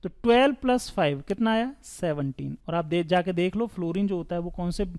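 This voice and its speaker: Smooth-voiced male chemistry teacher. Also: high voice, a little fast, a little mellow. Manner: asks questions and answers them himself; casual, chatty classroom tone. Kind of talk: board lesson.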